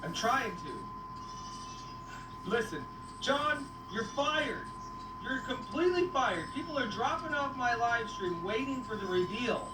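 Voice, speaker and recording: On a goat farm, a woman hosts a relaxed livestream, teasing and chatting with both viewers and animals. Her voice sits a little high and moves slowly in a sing-song way. The sound is echoey and noisy, picked up by a distant mic.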